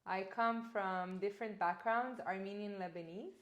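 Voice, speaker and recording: A young adult woman from Canada speaks at medium pitch and normal speed, the audio dull with a roomy echo. As a guest in a casual interview conversation, she talks about her travels in an earnest, reflective way.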